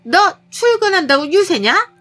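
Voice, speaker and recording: A woman voicing a domineering older mother-in-law who berates her daughter-in-law with shrill contempt. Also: big pitch swings, measured pace, a bit bright, faint music behind, heavily acted. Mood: furious.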